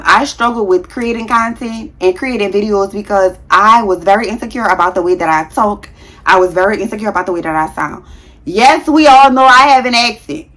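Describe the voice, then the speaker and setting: A woman in her thirties vlogging straight to her viewers, frank and slangy, calling them y'all. She talks quickly with a heavy tongue and now and then trips over a word and corrects herself. Her pitch sits in a middle range for a woman. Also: fairly bright tone. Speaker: nurse and content creator. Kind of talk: casual vlog talk to viewers.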